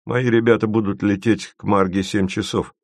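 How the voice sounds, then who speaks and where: A man voicing a calm, reserved flight chief. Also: fairly low pitch, no room sound, studio quality, voice pushed up. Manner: restrained, measured. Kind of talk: audiobook reading.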